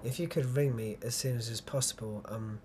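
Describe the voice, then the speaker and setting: A man's voice: medium pitch, fairly even intonation, fairly quick, darkish tone, a little hiss or hum. A man leaving a voicemail to ask for an interview, hesitant and full of ums. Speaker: documentary filmmaker.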